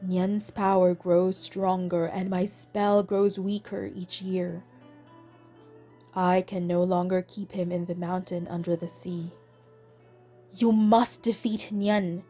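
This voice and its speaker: A woman narrator voicing a solemn magical warrior who gives commands in a calm, measured way. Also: on the low side, faint music behind.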